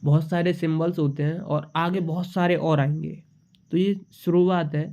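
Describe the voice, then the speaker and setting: Fighting a slight cold, a young man gives a relaxed shorthand lesson and patiently says every symbol again as he writes it down. His pitch is fairly high with little movement, his speed normal, and his tone warm. The audio sounds dull and lo-fi.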